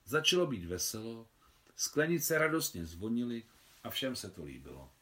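A man, the translator, reading his own translation of a novel aloud in a steady, even way. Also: medium pitch. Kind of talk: audiobook narration.

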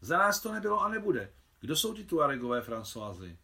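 A man's voice: on the high side, very animated, creaky, pushed and bright, pitched above the performer's own voice, heavily acted. A man voicing a fiery indignant lady. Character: hot-tempered lady of the house.

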